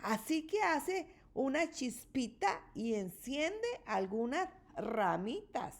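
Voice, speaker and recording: A woman reading a children's rhyming picture book aloud with an expressive, rhythmic delivery. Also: high voice, slow pace. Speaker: storybook reader.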